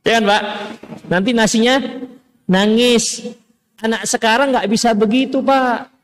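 A man preaching a lively, conversational sermon, quoting Arabic and acting out parents and children. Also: very high voice, measured pace, a little hiss or hum. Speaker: Islamic preacher.

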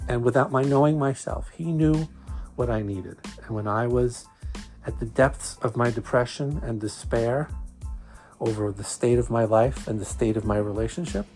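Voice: medium pitch, a little mellow. A podcast host with a Brooklyn accent, talking conversationally and earnestly, repeating phrases for emphasis.

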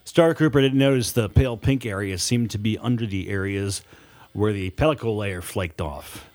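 This scripted horror audiobook is read by a man whose voice runs low and darkish. His storytelling is dramatic and deliberate, punctuated by weighted pauses.

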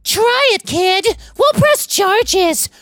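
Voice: very high-pitched, animated, very slow, fairly bright tone, no room sound, pitched above the performer's own voice, full character voice. The story narrator voicing a rude, aggressive entitled mother who stretches her words out with a sneer. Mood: accusing.

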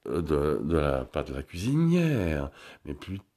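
A man with a French accent and a very low, gravelly voice that has a dark, mellow tone. He talks slowly in a wandering, musing way, mocking himself as he walks through his small bedroom for a vlog. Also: wildly swooping pitch. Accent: French from France. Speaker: vlogger. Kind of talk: rambling room-tour monologue.

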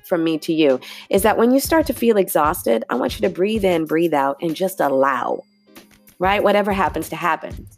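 Woman, low voice, podcast host, conversational, reflective, faint music underneath. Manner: conversational, often asks "right?" and says "y'all". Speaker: podcast host and yoga teacher. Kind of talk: reflective solo podcast talk.

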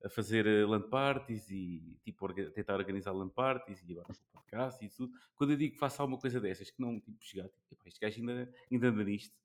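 A man in his forties with a European Portuguese accent, hosting a gaming podcast in casual chat, pausing often with fillers and restarts. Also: lowish voice. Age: 40s. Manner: hesitant, many fillers and restarts. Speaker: podcast host.

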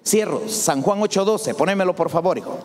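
A man's voice: high voice, a little fast, big-room sound, a little hiss or hum. A man preaching a sermon as a pastor. He speaks straight to his congregation with rising emphasis.

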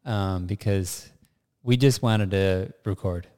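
A man's voice: deep voice, slow, darkish tone, clear, resonant tone. An American man co-hosting a casual, off-the-cuff podcast. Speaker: podcast co-host. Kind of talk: casual, unscripted podcast chat. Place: indoors in an unfurnished house.

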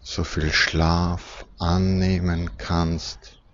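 A man guiding a deep relaxation and sleep journey in a soft, soothing, hypnotic manner with long pauses. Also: level tone. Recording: dull muffled recording with background noise.

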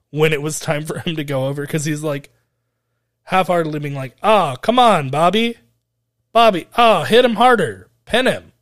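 A man co-hosting a podcast, recapping a wrestling event in a rambling, hesitant way with frequent laughs. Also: fairly high pitch. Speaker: podcast co-host.

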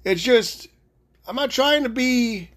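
A high-voiced man hosts a solo podcast and talks loud and fast on his feet. His pitch leaps up and down a lot as he rambles and interrupts himself. He sounds excitable and unscripted. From Italian heritage. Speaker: podcast host.

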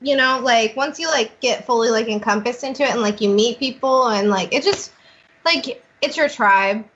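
High-voiced Iowa woman, noisy line. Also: normal speed, a bit bright, muffled recording. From Iowa, United States. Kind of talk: casual group chat.

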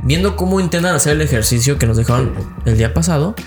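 A man's voice: on the high side, expressive, quick pace, a little mellow. A young man with a Mexican accent in casual chat, ranting bluntly and swearing freely in heavy slang. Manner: blunt and profane, slangy rants. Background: background music.

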